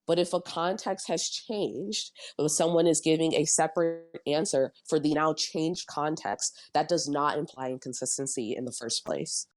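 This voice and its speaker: A woman with a low voice argues in a heated online voice chat. The sound is dry and close, with no room around it. She talks in a measured way, often stopping to correct and rephrase herself. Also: no echo. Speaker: debater.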